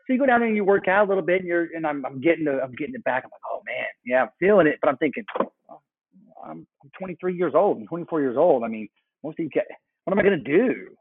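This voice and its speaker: Guy in his 30s chatting on a podcast, husky voice, sounds like a phone line. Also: on the high side, fast. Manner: storytelling, animated asides. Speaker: guest. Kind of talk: casual chat.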